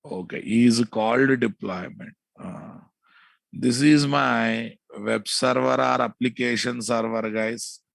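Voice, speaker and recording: Slow and creaky, a medium-pitched male voice with a Telugu Indian accent delivers a casual technical lecture on programming, repeating himself, adding offhand asides, and checking understanding often. The recording is dry.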